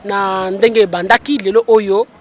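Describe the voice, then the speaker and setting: A woman reporting live outdoors from a public event, narrating in a lively, praising way. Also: medium pitch, a little slow. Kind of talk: on-the-spot news report.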